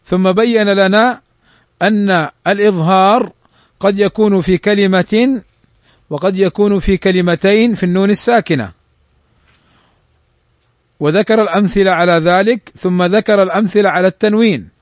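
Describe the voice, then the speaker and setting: A man teaching the rules of Quran recitation. He reads the rules quickly and draws the examples out slowly. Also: high-pitched, dry recording, studio quality. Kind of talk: tajweed lesson explaining a text.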